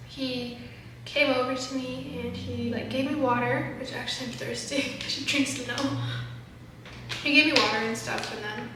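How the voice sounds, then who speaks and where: A woman's voice: high voice, fairly even intonation, normal speed. A young woman telling a candid, rambling personal story to camera, swearing often and filling her talk with fillers. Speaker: vlogger. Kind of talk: confessional storytime monologue. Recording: echoey room, mic set far off, faint noise.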